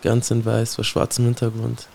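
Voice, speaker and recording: A man's voice: medium pitch, completely flat delivery, moderate pace, gravelly, darkish tone, slight background noise. A man performing a spoken-word poem in a solemn, brooding way, speaking directly to someone he addresses. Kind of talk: spoken-word poetry recitation.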